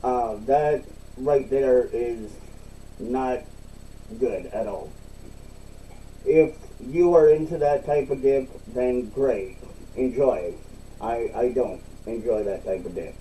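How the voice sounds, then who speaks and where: Casting: male reviewer, very mellow dark tone, unhurried halting delivery, mic a bit far off. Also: mid-range voice, slight background noise. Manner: halting, repeats himself. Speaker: product reviewer. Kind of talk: casual, unscripted online review.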